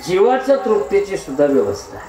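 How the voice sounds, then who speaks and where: A man's voice: high voice, big pitch swings, a little fast, mellow. A man preaching a devotional kirtan sermon, posing rhetorical questions and answering them himself with wordplay. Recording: echoey hall, mic at a distance, music behind.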